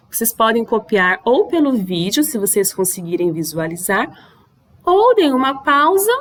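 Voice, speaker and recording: A woman teacher with a Brazilian Portuguese accent, recording a slide lesson for schoolchildren and often checking that they follow. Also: medium pitch. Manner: slow, patient, with frequent checking questions.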